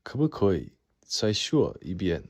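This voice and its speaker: A man's voice: deep voice, very animated, unhurried, no room sound. A man who is a native English speaker, keeping a casual video diary of his language learning and practising phrases. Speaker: language learner vlogging daily progress.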